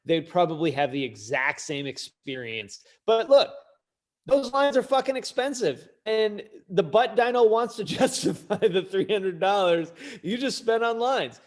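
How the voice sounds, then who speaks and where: A man's voice: high voice, expressive, measured pace. A middle-aged man co-hosting a casual podcast chat as a mechanic, talking bluntly and emphatically, swearing freely.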